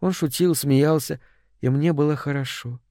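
A man voicing a gentle, dreamy young Martian wife in a soft, quiet, slightly raised voice. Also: on the high side, moderate pace, dry recording, studio quality, close to an everyday voice.

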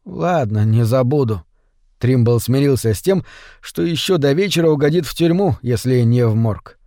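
Expressive male storyteller. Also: medium pitch, normal speed, no echo, studio quality. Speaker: narrator. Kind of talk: scripted audiobook narration.

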